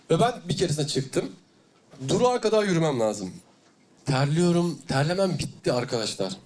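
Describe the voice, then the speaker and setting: A man's voice: a little high, a little hiss or hum. A young man telling stories animatedly in a stand-up comedy set on stage before a live audience. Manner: animated storytelling, acts out characters.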